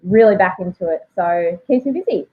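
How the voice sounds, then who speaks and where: A woman's voice: on the low side, animated, brisk. A woman in her thirties with a broad Australian accent, chatting casually and jokily as an interview guest over a video call. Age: 30s. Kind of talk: casual chat. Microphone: remote video call. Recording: thin, phone-like call audio.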